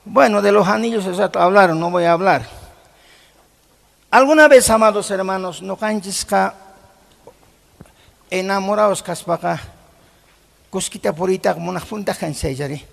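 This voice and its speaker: Middle-aged pastor, high gravelly voice, punchy sermon delivery, keeps quizzing the flock, church hall echo trails off. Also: male voice, normal speed, pauses often, a bit bright. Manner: emphatic, keeps asking the congregation questions; mixes in Quechua words. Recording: long hall reverb.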